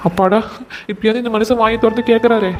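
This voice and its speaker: A woman's voice: a little high, fairly even intonation, fast, a little mellow, muffled recording, faint music behind, close to an everyday voice. Woman playing a wronged young cartoon daughter-in-law. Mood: aggrieved. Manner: complaining, plaintive. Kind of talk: comic cartoon voice acting.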